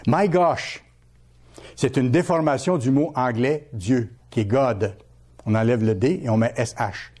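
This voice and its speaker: A male pastor delivers a teaching sermon. His voice sits at an ordinary pitch with a warm, mellow tone. He repeats key words and keeps putting questions to his listeners. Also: normal speed.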